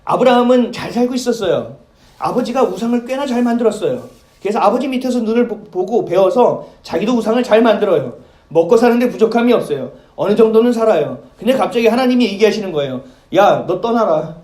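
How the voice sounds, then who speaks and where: A man preaching a sermon as pastor, talking in a lively, conversational way and asking the congregation questions. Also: high voice, fast, roomy sound. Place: church sanctuary.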